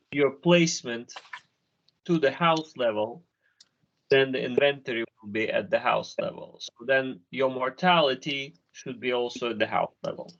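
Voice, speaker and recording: Man, video call, software walkthrough, hesitant fillers, dull lo-fi sound. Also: mid-range voice, slight background noise. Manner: explains step by step with many ums and uhs. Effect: video call audio. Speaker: software trainer.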